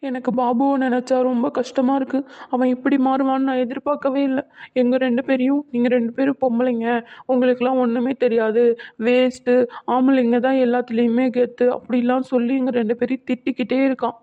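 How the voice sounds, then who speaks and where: A cartoon mother who scolds her son in a fast, sharp voice that sits slightly high. A woman plays her. The audio has a dull, lo-fi sound. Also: level tone, lightly acted. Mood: upset. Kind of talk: cartoon voice acting.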